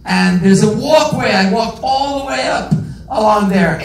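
A man's voice: high-pitched, measured pace, creaky. A middle-aged man addresses an audience from a stage, speaking energetically into a handheld microphone. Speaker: event organizer, director of the environmental group. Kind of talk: speech to an audience. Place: theatre stage. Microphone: handheld mic, filmed from the audience. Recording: echoey hall, speaker distant from camera.

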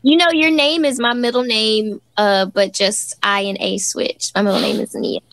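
A woman's voice: medium pitch, steady tone, normal speed, fairly bright tone, no echo. Friendly woman in her thirties, dry sound. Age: 30s. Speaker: podcast guest. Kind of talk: casual chat on a call.

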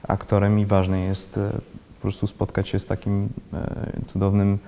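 Guest actor, 30s man, low dark gravelly voice, halting delivery, reverberant room. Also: monotone. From Switzerland. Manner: halting, searching for words, many restarts. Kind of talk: casual interview talk. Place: indoor library room with bookshelves, seated in armchair.

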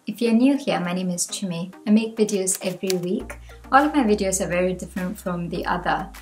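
A young Malaysian woman vlogs from a room at home with bookshelves, talking to the camera. She shares her own reflections earnestly and chattily at a brisk pace, her pitch rising now and then.

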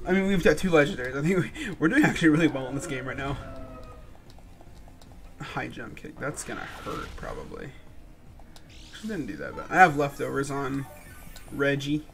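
He's a young gaming host doing casual let's-play commentary over game music, with a sore throat and stuffy voice, laid-back yet swearing and muttering in frustration. His mid-range voice is sing-song and fairly bright, at normal speed with frequent pauses.

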